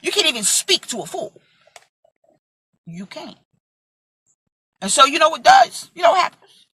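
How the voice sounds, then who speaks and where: Woman in her 40s preaching hard on a vlog, lively swooping voice, dry close sound. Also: high voice, a little slow, dry recording. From Brooklyn, USA. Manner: impassioned, emphatic, acts out quoted voices. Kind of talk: vlog sermon.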